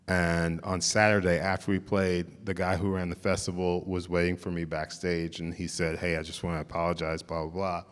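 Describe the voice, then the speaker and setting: A man's voice: low voice, big-room sound. A man giving an informal storytelling talk as a visiting artist, often restarting and saying "like". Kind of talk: storytelling lecture to an audience.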